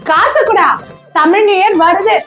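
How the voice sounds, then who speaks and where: High-pitched scolding cartoonish mother, voiced by a woman. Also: moderate pace, fairly bright tone. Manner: scolding, bossy. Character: scolding mother, strict with daughter, doting on baby. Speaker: mother Sarala. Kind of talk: comedy skit dialogue. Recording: faint music behind.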